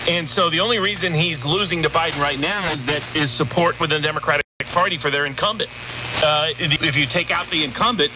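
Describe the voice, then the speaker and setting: Heard through a noisy, muffled shortwave relay, an interview guest analyses politics without a script. His voice is on the high side and his pace brisk, and he presses his case emphatically with lists and repetition.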